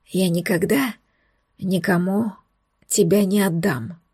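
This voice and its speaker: A woman voicing a possessive young male werewolf lover in an audiobook, speaking low, hushed and tender. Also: fairly even intonation, slow pace, slightly rough, no room sound, studio quality.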